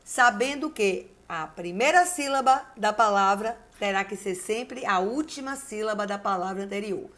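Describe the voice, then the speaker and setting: A woman, a teacher giving a video lesson, who dictates slowly and repeats key words syllable by syllable while encouraging her class. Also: mid-range voice, fairly bright tone. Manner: encouraging, addresses the class directly. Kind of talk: video lesson with word exercises.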